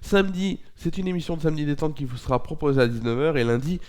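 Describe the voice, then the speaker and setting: A young man with a stuffy nose from a cold presents a local news and weather bulletin, speaking fast and animatedly in a fairly high voice with a darkish tone. He hesitates often, filling gaps with fillers and correcting himself.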